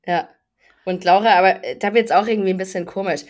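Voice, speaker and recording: A young woman co-hosting a podcast, recapping a reality show in casual chat, talking briskly and laughing between points. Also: mid-range voice, steady tone.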